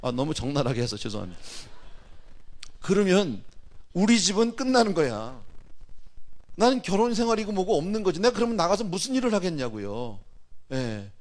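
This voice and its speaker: A male pastor preaches in a chatty, direct way, addressing the congregation as if talking with them. He drops to near-hushed asides and then bursts into loud, emphatic lines. His voice sits a little high for a man. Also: big pitch swings, fairly quick, pauses often. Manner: conversational, swinging between hushed and loud exclamations. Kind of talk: sermon.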